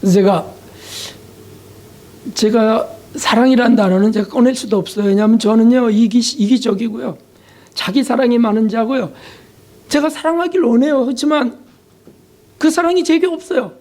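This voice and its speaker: A man's voice: extremely high pitch, moderate pace, long pauses, a little mellow. Male pastor, sermon, emotional confessional delivery, rhetorical questions, sudden drops to near silence. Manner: asks the congregation rhetorical questions.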